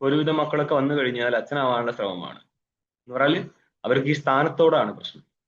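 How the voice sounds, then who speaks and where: A man's voice: mid-range voice, normal speed, fairly bright tone, a little hiss or hum. Swami guy teaching scripture over a video call, asks himself questions then answers, recites sanskrit, kinda muffled audio. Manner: explains by asking questions and answering them himself; mixes Sanskrit recitation with wry asides. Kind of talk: philosophy class lecture. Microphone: online video call.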